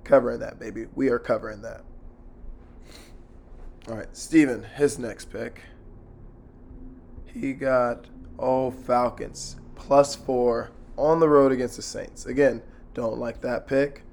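Hoarse, gravelly man hosting a sports podcast. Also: medium pitch, fairly even intonation, slow, pauses often, darkish tone, slight background noise. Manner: blunt, slangy, sweary. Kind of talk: casual solo sports betting commentary.

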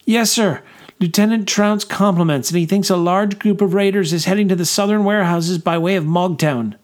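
A man voicing a soot-stained young corporal who reports crisply and eagerly to his commander. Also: sits high, fairly even intonation, moderate pace, voice pushed up, lightly acted. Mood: eager, urgent. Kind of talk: audiobook character voice.

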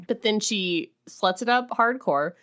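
A woman's voice: medium pitch, lively intonation, a little slow, a bit bright. A woman co-hosting a casual book discussion, laughing often and acting out the characters' lines. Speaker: podcast co-host.

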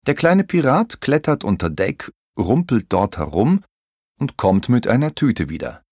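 A man narrating a children's audiobook in an expressive storytelling manner. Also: medium pitch, a little slow, no echo, studio quality.

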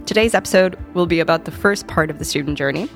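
A woman in her twenties hosts a podcast with a slightly low voice. She talks in a friendly, conversational way and drops in the odd filler word as she moderates. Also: fast, vocal fry, soft background music. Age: 20s.

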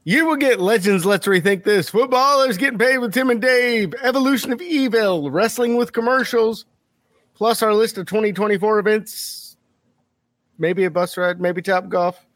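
High, animated man, dry close sound. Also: no echo. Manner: quick jokey quips. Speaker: podcast co-host. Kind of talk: casual podcast chat.

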